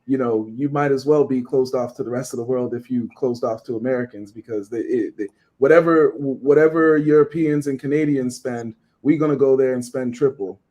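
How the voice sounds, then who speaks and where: A man's voice: mid-range voice, fairly quick, few pauses, mellow. A man in a casual live-stream chat, rambling with restarts and asking "you know what I mean".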